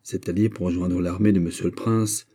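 A man voicing a gracious, modest young nobleman soldier in an audiobook, speaking softly, earnestly and courteously. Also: sits low, steady tone, a little fast, breathy edge. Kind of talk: audiobook character voice.

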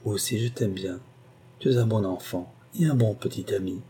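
A man voicing a young woman in an audiobook, with a soft, coaxing, affectionate manner. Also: medium pitch, animated, normal speed, a little hiss or hum, lightly acted. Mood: tender. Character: gentle young woman, teasing and tender. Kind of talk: audiobook character voice.

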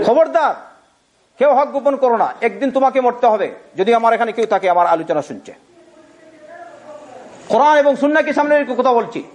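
A man with a high-pitched voice delivering a sermon on Quran commentary. He chants Arabic verses slowly, then explains them and presses his listeners with rhetorical questions. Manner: asks the audience rhetorical questions. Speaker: Quran teacher giving tafsir.

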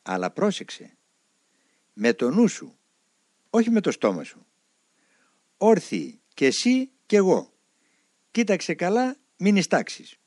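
A man voicing a blunt, stern old hermit monk who scolds his pupil in a gruff manner. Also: mid-range voice, huge pitch swings, long pauses, a little mellow, no room sound, studio quality. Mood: instructing.

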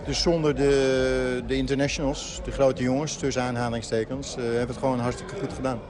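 A man, a football coach, giving a post-match interview outdoors, speaking deliberately with many hesitant pauses. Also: mid-range voice, flat delivery. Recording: outdoor interview with crowd behind.

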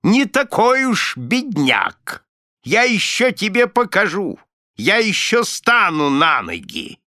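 A man voicing a grasping, bitter old male miser with a croaking voice, in an audiobook reading. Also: high voice, huge pitch swings, slow, bright, forceful tone, dry recording, studio quality, voice pushed up, exaggerated voice. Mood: fierce gleeful.

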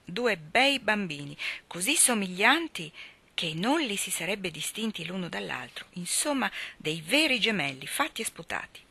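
Expressive woman reading a novel. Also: medium pitch, creaky, slightly rough. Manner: measured, expressive storytelling. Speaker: reader. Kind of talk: audiobook narration.

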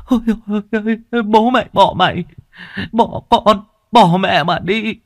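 A man's voice: measured pace, no echo, clean studio sound. A man voicing a grieving middle-aged village mother who sobs and wails as she pleads. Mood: wailing grief. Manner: high keening cries, pleading and lamenting. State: sobbing, wailing.

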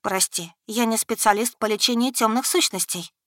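A woman voicing a lively, caring young heroine with eager, animated speech. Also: a little high, moderate pace, dry recording, studio quality, pitched above the performer's own voice, lightly acted.

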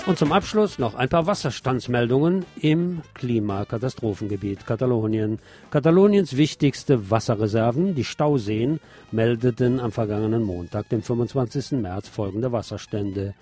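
Over faint background music, a male anchor reads scripted news, shifting between reports and pointed commentary. His voice is relaxed and mellow, mid-pitched, at an ordinary pace.

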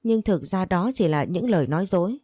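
A gentle grown son, as a woman narrator reads him pleads softly with his mother. His voice stays low and warm. The recording is dry and close. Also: animated, brisk, breathy edge, dry recording. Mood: pleading. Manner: soft, pleading.

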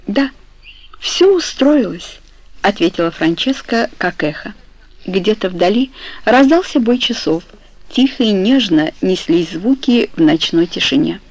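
Calm woman reading an audiobook. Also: fairly low pitch, low-quality recording. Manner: calm, measured, soft storytelling. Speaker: audiobook narrator. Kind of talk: audiobook narration.

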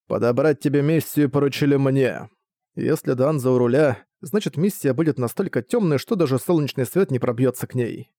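A cold, scheming old ninja commander, as a male audiobook reader puts him on, speaking evenly with an icy edge. The voice is mellow and low-key, recorded dry and close. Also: moderate pace, no room sound, lightly acted. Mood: cold, level. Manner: level, icy delivery.

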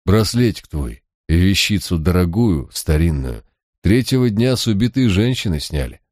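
A man's voice: low-pitched, very animated, normal speed, darkish tone, no room sound, clean studio sound. A man voicing a shrewd, cocky male police detective who talks in a mocking, coaxing drawl. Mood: coaxing mockery.

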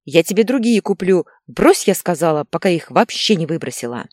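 Woman doing a shrill hysterical young mom, screaming, tearful, big wild pitch swings. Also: sing-song, fairly quick, a little mellow, slightly rough, no echo, clean studio sound, heavily acted.

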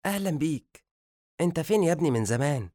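Give me a man playing a thoughtful, observant brother in an Egyptian audiobook. His speech is calm and a bit quick, and the sound is dry. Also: on the high side, dry recording, pitched above the performer's own voice, close to an everyday voice.

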